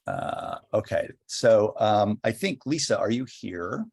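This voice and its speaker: A man's voice: on the low side, wildly swooping pitch, slow, vocal fry, darkish tone, breathy edge, no room sound, studio quality. A man chairing an online meeting, hesitant with many fillers. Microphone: video call.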